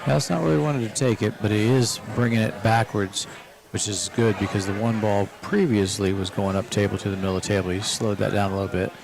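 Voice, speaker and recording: A man calls a pool match live from inside a pool hall, one table from the players. His voice sits low with a gravelly fry, and he explains each shot calmly, often repeating himself. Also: a little fast, few pauses. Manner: relaxed, explanatory, repeats phrases. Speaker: pool commentator. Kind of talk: live play-by-play commentary.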